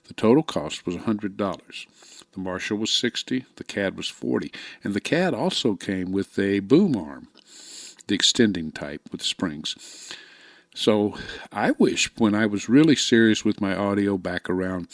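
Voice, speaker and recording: Speaking in short, deliberate phrases, an older or middle-aged ham radio hobbyist walks through an informal microphone demo. His voice sits on the low side, recorded close on a dynamic studio or podcast mic without echo.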